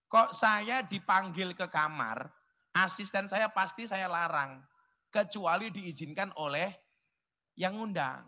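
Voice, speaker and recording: A man's voice: high voice, pushed and bright. A man with a Javanese accent giving a humorous sermon, joking and chatting with the audience. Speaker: preacher. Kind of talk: humorous sermon to a village crowd.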